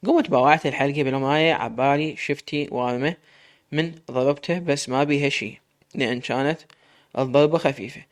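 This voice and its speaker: A man with an Iraqi accent reading a dramatic first-person story in a steady, plain manner. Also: mid-range voice, brisk. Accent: Iraqi Arabic.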